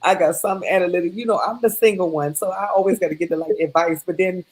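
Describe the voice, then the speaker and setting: Animated woman telling stories. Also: on the low side, fast, poor audio. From New Orleans family roots. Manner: animated storyteller, slips into voices. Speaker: talk show co-host. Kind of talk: casual chat.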